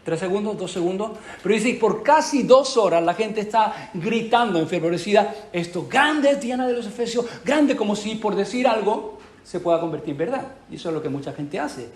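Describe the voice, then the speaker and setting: A man preaching a sermon in church, animated, with rhetorical questions and emphatic repetition. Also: sits high, fairly quick. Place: church hall. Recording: echoey church hall.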